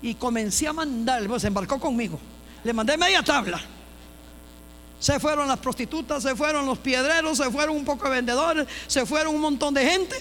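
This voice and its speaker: A woman's voice: high voice, normal speed, a bit bright. A woman pastor giving a personal testimony in a church, telling her story emphatically with repeated phrases and restarts. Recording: long hall reverb with faint mains hum.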